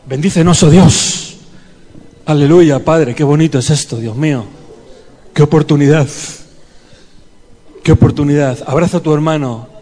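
A man's voice: a little high, steady tone, moderate pace, long pauses, dark tone. A man leading a fervent prayer and sermon in a church, pleading and calling on the congregation. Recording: long hall reverb.

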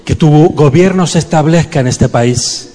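This man speaks at a measured pace in a slightly high, warm voice. Leading a fervent church prayer and sermon, he pleads and calls on the congregation, his words carried by a long hall reverb.

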